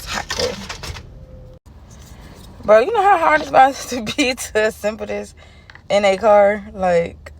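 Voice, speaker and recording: Parked inside a car on a busy city street, a woman food vlogger chats casually to camera in a mukbang, speaking with slangy, playful expressiveness. Her mid-range voice is animated at a normal pace, with slight background noise.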